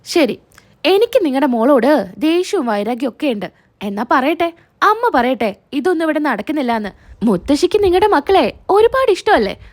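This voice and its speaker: A woman's voice: high voice, sing-song, moderate pace. A woman reading as a bullying mother-in-law, accusing, sing-song. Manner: accusing, scolding.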